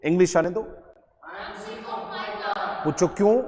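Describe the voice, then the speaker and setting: A man teaching an English grammar lesson to a class, lively and quizzing his students with repeated questions. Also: sits high, takes it slowly, in a large hall, a crowd in the background. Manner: lively, quizzing students, calls them beta.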